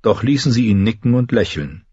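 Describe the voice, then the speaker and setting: Male audiobook narrator, low husky voice, measured read; dry, dull-sounding recording. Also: animated, mellow, no echo. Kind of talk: scripted narration.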